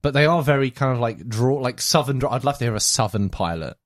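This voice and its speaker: A man's voice: mid-range voice, fast talker, no echo. Guy rambling on a podcast, lots of likes and ums, dry close sound. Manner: animated, rambling with fillers. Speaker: podcast guest. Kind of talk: casual chat.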